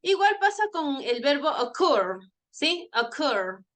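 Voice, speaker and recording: A woman's voice: high-pitched, big pitch swings, takes it slowly, a bit bright. A woman teaching an online English grammar class, explaining patiently, repeating herself and checking in with her students. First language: Spanish.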